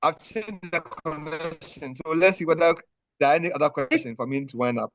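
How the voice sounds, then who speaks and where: A man's voice: a little high, a little fast, a little hiss or hum. A man, a guest speaker on an online webinar, heard over an unstable internet call that keeps dropping out, repeating himself to check he can be heard. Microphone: video call. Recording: dull lo-fi breaking-up call line.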